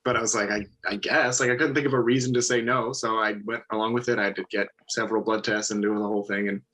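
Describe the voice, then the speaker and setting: A man's voice: fairly low pitch, fairly even intonation, fast, a bit bright, rough recording. A man, chatting casually in a hesitant, understated way as an interview guest. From Nova Scotia, Canada. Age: early 20s. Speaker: stem cell donor, interview guest. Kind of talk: casual conversation.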